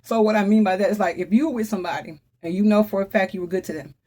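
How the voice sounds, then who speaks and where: A woman's voice: medium pitch, rapid-fire, dark tone. A woman doing a casual tarot reading for her viewers, with a mid-range voice. She talks in a chatty, emphatic way, speaks straight to the camera audience and keeps exclaiming as she goes. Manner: talks straight to viewers, calls on the Holy Spirit. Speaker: tarot reader.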